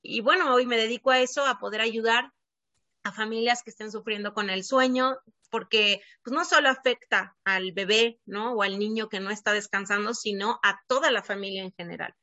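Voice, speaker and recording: A woman's voice: medium pitch, fairly even intonation, normal speed, pushed and bright, no echo. A woman from Argentina, a child sleep coach, talking earnestly as a podcast guest and filling her speech with little filler words. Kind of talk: casual interview chat. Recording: dull lo-fi dry sound.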